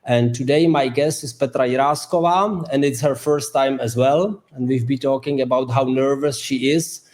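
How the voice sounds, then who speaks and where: With a medium-pitched, somewhat mellow voice, a man acts as a career consultant hosting a live interview online over video. He is in a home or office in Switzerland and speaks in a halting way, his phrasing a little non-native.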